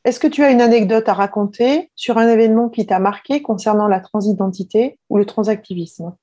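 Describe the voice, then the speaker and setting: A woman interviewer asking calm questions. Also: mid-range voice, brisk, dry recording.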